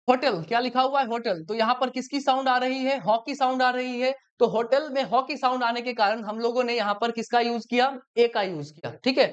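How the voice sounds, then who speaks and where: A woman's voice: fairly high pitch, clear, resonant tone, muffled recording. A woman teacher giving a grammar lesson to children, asking questions and then answering them herself.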